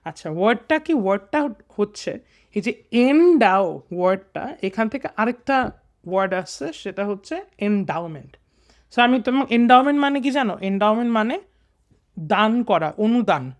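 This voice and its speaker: A man's voice: high voice, animated, normal speed. A young man in his twenties with a Bangladeshi accent, tutoring students in English grammar. He talks patiently and reads sentences in small pieces, mixing English words into his explanations. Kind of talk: casual exam lesson.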